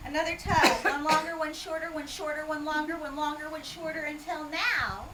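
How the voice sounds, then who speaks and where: Doing magic for a small parlour gathering, a woman from Hawaii banters comically, teasing and quizzing her listeners. She has a high-pitched voice and a moderate pace, captured on a distant mic with steady noise behind her.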